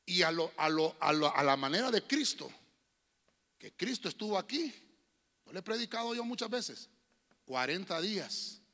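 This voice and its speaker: A Honduran man preaching a sermon as pastor of a church, building to sudden shouted bursts. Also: high-pitched, very animated, normal speed, long pauses. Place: church sanctuary. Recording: long reverb of a church hall.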